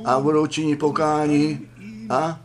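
A man preaching a sermon to his congregation, reading scripture verses slowly and solemnly. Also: on the high side, flat delivery.

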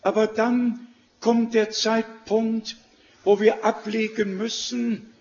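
A man preaching a sermon, reading scripture in a slow, measured, emphatic way. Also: high voice, little pitch movement, a little mellow, dull audio.

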